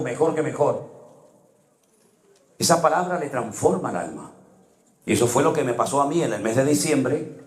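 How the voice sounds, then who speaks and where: Emotional middle-aged male pastor, echoey. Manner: emotional storytelling with sudden rises in pitch. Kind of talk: sermon. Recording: echoey room.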